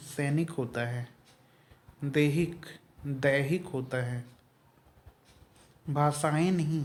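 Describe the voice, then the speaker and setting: A man's voice: fairly high pitch, darkish tone. A man teaching an exam-prep Hindi spelling lesson, explaining each word letter by letter.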